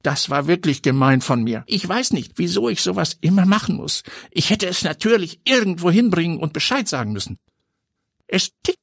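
A wide-eyed, childish young man whines in a high, sing-song voice, as a man narrator plays him. His pitch jumps a lot, the tone husky and dry. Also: sing-song, normal speed, fairly bright tone, no echo, heavily acted. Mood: sheepish.

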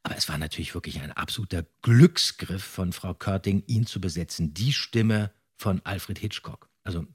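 Husky low-voiced man reminiscing. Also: normal speed, hardly any pauses. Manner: reminiscing, acts out other speakers' lines. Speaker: guest, former radio-play voice actor. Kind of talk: casual chat.

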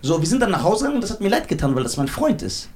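A young man telling a story in casual podcast chat, excitable and acting out the voices of others. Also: high voice, rapid-fire. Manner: excitable, acts out quoted voices. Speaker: podcast host.

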